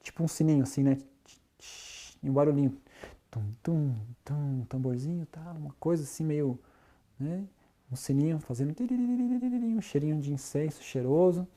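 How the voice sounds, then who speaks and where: A man, telling his testimony in an animated storytelling way, mimicking sounds and singing short chant phrases. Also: fairly high pitch, moderate pace. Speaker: testimony speaker. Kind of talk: spoken testimony.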